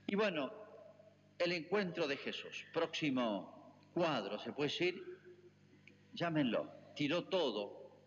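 An Argentine priest delivers a homily with a lively, rising and falling voice, turning often to his listeners. His words ring out with a long church reverb, and the recording sounds muffled and lo-fi. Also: medium pitch, a little hiss or hum. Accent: Argentine Spanish. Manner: earnest preaching, addresses the congregation directly.

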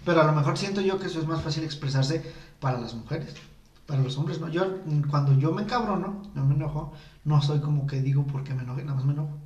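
A man's voice: on the high side, quick pace, darkish tone, recorded from a distance, dull audio. A man with a Mexican accent chatting casually on a podcast, candid and slangy, often laughing. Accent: Mexican Spanish. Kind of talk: casual chat. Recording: echoey room, a bit off-mic.

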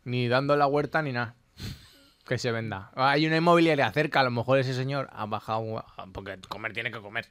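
A man co-hosting a comedy radio show, recorded close and dry with no room echo, his pitch in an ordinary middle range. He reads out notes and picks them apart in a relaxed, joking back-and-forth. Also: fairly quick, smooth. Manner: reads out and jokes about notes. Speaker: radio co-host. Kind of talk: casual comic radio banter.

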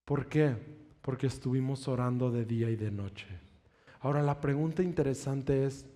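A man's voice: mid-range voice, moderate pace, warm tone. A man preaching a sermon, telling a personal testimony in an earnest way and stretching out emphatic declarations.

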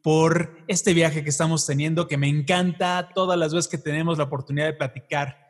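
A man's voice: fairly high pitch, fairly even intonation, brisk. A man hosting a conversational podcast in an effusive, enthusiastic way. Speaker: podcast host.

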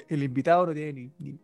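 A man's voice: on the high side, normal speed, creaky, darkish tone, soft background music. A young man with a Chilean accent hosting a podcast, teasing his guest and laughing often. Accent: Chilean Spanish. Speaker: podcast host. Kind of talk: casual podcast chat.

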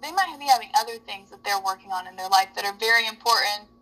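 A woman's voice: medium pitch, fast, sharp tone, low-quality recording. A woman guest on a podcast talking in an earnest, reflective way, often searching for words. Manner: earnest, searching, many "like" and "you know". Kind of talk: reflective casual talk.

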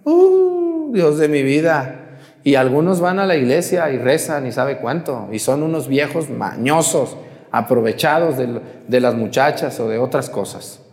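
A male priest, preaching during mass in a lively, teasing way and putting questions to the congregation. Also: mid-range voice, unhurried, big-room sound. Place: church.

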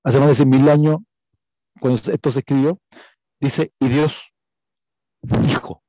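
A man's voice: medium pitch, fairly even intonation, measured pace, mellow, no echo, rough recording. A man with a Chilean accent preaching a conversational sermon and telling a personal story. He keeps checking in with his listeners by asking "right?".

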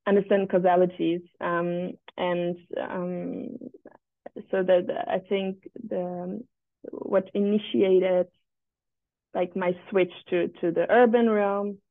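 A 27-year-old woman from Berlin, Germany, appears as a podcast guest in a casual interview, sounding reflective and tentative. Her lowish voice is slow with vocal fry and little pitch movement. The remote call audio is dry, thin, tinny and phone-like, with no room sound.

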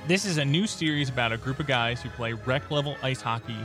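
A man's voice: medium pitch, fast, over music. A man hosting a podcast, telling rambling, joking stories in a casual chat. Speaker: podcast host.

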